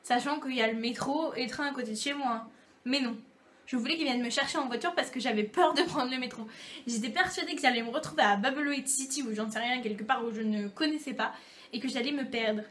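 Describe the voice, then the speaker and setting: Speaking fast in a high, fairly bright voice, a young woman from France vlogs for YouTube straight to camera. Her casual comic monologue is chatty and playful, and she acts out small dialogues as she goes.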